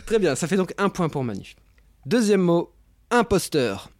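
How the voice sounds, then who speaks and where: A man hosts a casual online film discussion over a video call. His voice sits slightly high, and he stumbles through fillers and repeated words. The sound is dry and close. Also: very animated, moderate pace, darkish tone, dry recording. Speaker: host of a film roundtable show.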